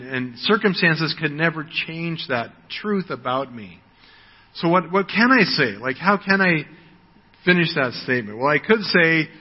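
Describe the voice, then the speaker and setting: Conversational American preacher in his sixties, slightly higher voice, long hall reverb, muffled lo-fi sound. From United States. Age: 60s. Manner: conversational, frequent "right?", repeats words when starting. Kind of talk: sermon.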